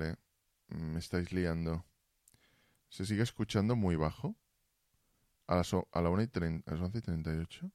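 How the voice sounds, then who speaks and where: Low-voiced man streaming a dry room. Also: a little mellow, dry recording. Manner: fumbling with audio gear, asking chat for feedback. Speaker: Twitch streamer. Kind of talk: casual live-stream chat. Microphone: desk mic, then built-in computer mic.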